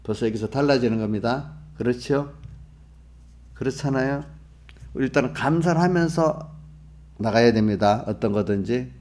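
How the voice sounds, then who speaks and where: A man's voice: mid-range voice, normal speed, long pauses, a little mellow. A male pastor giving an early-morning sermon to his congregation. He talks in a conversational way, often asks his listeners questions, and acts out the inner voices of believers. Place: church.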